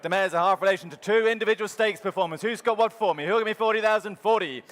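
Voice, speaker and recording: A man's voice: sits high, fast, fairly bright tone. A man working as an auctioneer at a live sale, calling bids in a rhythmic, repetitive chant. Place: large sale arena. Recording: hall reverb from sale ring PA.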